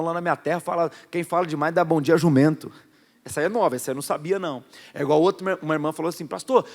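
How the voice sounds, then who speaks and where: A Brazilian man preaching as a pastor, with a somewhat high voice. He tells stories animatedly, acting out the dialogue in raised voices and using frequent fillers. His voice carries a long reverb from a church hall. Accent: Brazilian Portuguese. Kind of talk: sermon with storytelling.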